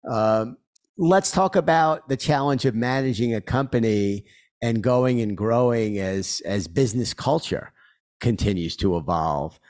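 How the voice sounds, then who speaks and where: A man's voice: mid-range voice, a little slow, darkish tone. A man from New York with a Queens accent, hosting a conversational interview. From New York City. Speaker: interviewer, podcast host.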